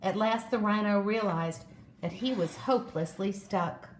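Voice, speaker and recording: A woman storyteller reads a children's story aloud, slow and expressive. Her voice sits in the middle and carries an echo from a roomy space. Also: medium pitch, a little hiss or hum. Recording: echoey room.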